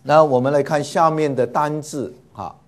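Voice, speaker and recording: A man's voice: on the high side, steady tone, normal speed. Patient man teaching with many fillers. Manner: patient, many filler 'ah' sounds, repeats words for students. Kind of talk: classroom lecture.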